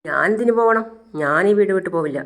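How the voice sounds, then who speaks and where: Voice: medium pitch, animated, fast, fairly bright tone. A storyteller voicing a scheming young woman who claims the family property, defiant and taunting.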